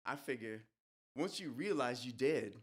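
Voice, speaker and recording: A stage performer at an art museum event tells the story of a young male soldier back from death, speaking in rural dialect at a measured pace. The pitch is medium and the intonation lively, and whispered hisses give the folksy monologue an eerie edge.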